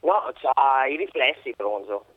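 A man from Bergamo province calling a radio show on speakerphone as a groom-to-be, answering in short, deadpan replies. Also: mid-range voice, measured pace, no echo. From Bergamo province, Italy. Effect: phone call on speakerphone. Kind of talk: casual phone chat. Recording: tinny, dry phone line.

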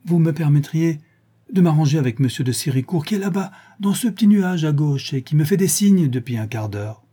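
A man's voice: fairly high pitch, lively intonation, fairly quick, dark tone, slightly rough. A man reading the part of a young widow who speaks timidly and coyly. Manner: timid and coy. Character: young widow, blushing, shy but sly. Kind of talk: audiobook character reading.

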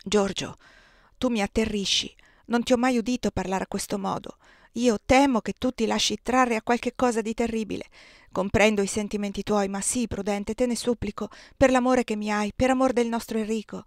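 A woman reading the part of a gentle, devout young wife who pleads softly with her husband, recorded dry and close. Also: fairly high pitch, steady tone, normal speed, dry recording, close to an everyday voice. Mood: pleading, fearful.

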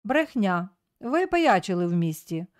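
A rude, bullying male editor from an audiobook, all scolding and yelling, as a woman reader puts him on. The voice jumps up and down sharply in pitch, and the reading sounds close and dry. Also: very animated, measured pace, dry recording. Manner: scolding, shouting, mocking.

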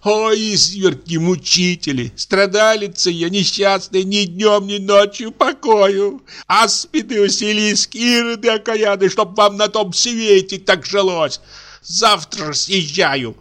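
A man voicing a stingy, scolding spinster woman in a shrill, nagging tone. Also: takes it slowly, a bit bright.

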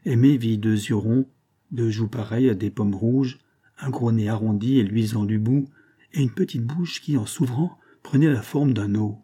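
Husky man reading an old novel aloud, dark mellow tone, steady. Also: mid-range voice, moderate pace. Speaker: audiobook narrator. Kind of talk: literary audiobook narration.

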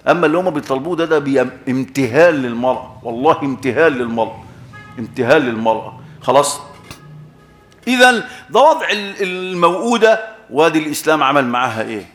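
A man's voice: on the high side, very animated, quick pace, a bit bright, roomy sound, a little hiss or hum. An Egyptian man preaching a sermon with an Egyptian accent, emphatic, repeating key words and quizzing his listeners.

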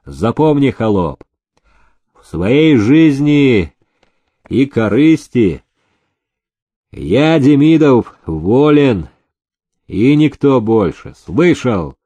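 A man's voice: mid-range voice, very animated, very slow, long pauses, warm tone, dry recording, heavily acted. A man voicing a domineering master who speaks with faint mockery and cold command. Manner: mocking, commanding. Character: sly domineering master, middle-aged man.

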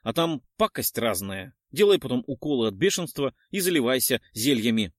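A man narrating an audiobook in first person, wry and matter-of-fact with slangy asides. His mid-pitched voice moves lively up and down. The close mic gives a dry, studio-like sound. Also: normal speed, no echo.

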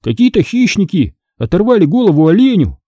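A clowning teenage boy whines and jokes around in a playful way, as a male narrator puts him on. The voice is raised high and very lively in pitch. It has a dark, husky tone and a dry, close sound. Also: fairly quick, no echo. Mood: eerie. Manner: whining, playful. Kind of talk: audiobook character voice.

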